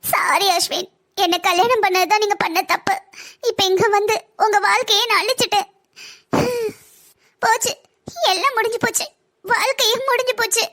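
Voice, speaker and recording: Figure: young wife and daughter, cartoon voiced by a woman. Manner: pleading, tearful, desperate. Pitch: very high. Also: steady tone, moderate pace, long pauses, bright, forceful tone, heavily acted. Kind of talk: cartoon story voice acting.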